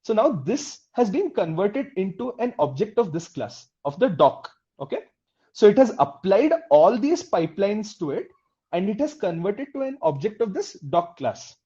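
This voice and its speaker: Explaining code step by step in a live online class, this instructor speaks at normal speed with a mid-range, dark, sing-song voice, questioning the class directly and frequently asking "okay?" and "right?". The recording is muffled, dull and lo-fi.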